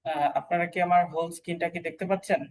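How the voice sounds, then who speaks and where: A man's voice: on the high side, steady tone, very fast, low-quality recording. A man teaching an online exam-prep class, explaining step by step and checking that students follow. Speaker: PTE exam instructor.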